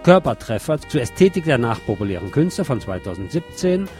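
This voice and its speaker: Over faint background music, a man reads a prepared article aloud as a radio host, delivering scripted narration in a mid-pitched, slightly mellow voice. He sounds very animated and keeps a brisk pace.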